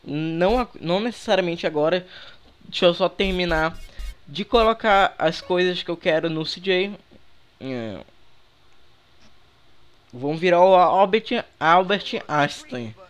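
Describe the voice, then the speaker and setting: A man's voice: high-pitched, unhurried, long pauses, smooth. Slangy young Brazilian gamer guy. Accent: Brazilian Portuguese. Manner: relaxed, slangy, chatty with viewers. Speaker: gaming youtuber. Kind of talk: casual gameplay commentary. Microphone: headset microphone.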